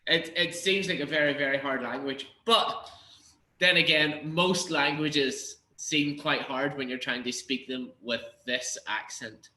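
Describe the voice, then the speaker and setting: A man's voice: on the high side, measured pace, bright, forceful tone, roomy sound. A man co-hosting a podcast, upbeat and steering the conversation. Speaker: podcast co-host. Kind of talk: casual podcast chat.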